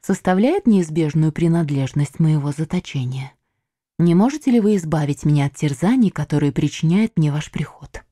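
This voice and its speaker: A woman's voice: sits low, expressive, normal speed, warm tone, no room sound, clean studio sound. A woman voicing a cunning captive noblewoman in an audiobook, pleading and theatrical. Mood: cold. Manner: pleading, theatrical, breathless entreaty. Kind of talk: audiobook character reading.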